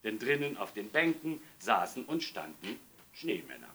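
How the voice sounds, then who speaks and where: A man reading a children's story aloud in an expressive, playful way. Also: lowish voice, normal speed, a little hiss or hum.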